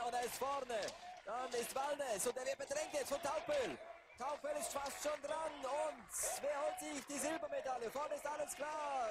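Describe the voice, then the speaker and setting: A man doing live race commentary, building to excited calls near the finish. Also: very high-pitched, very noisy. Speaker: sports commentator.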